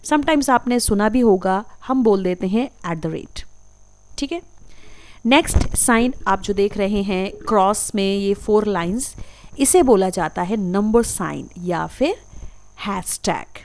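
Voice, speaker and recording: A woman's voice: medium pitch, animated, unhurried, a little mellow, a little hiss or hum. Patient woman teaching vocabulary. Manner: patient, repeats each term carefully. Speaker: English teacher. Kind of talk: slow explanatory lesson.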